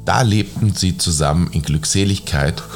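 A man calmly reading a fairy tale aloud as a bedtime story, in a measured storytelling manner. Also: low-pitched, soft background music.

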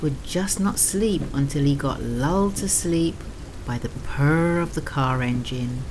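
Very low, slow, sultry woman's sleep narration. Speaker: host of a sleep story series. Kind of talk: slow sleep-story narration with guided breathing. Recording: clear rain noise behind the voice. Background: steady rain.

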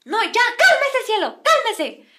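A woman playing a nervous middle-aged male driver, quoting him as he gently coaxes a passenger to calm down. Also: very high-pitched, slow pace, voice pushed up, heavily acted. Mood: coaxing. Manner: soft, coaxing repetition.

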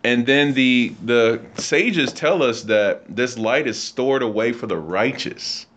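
A man's voice: medium pitch, takes it slowly, fairly bright tone, slight background noise. A man hosting a livestream, explaining religious texts in a casual teaching style. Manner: explanatory, reads and comments on texts. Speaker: host. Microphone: internet call/stream. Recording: lo-fi online stream audio.

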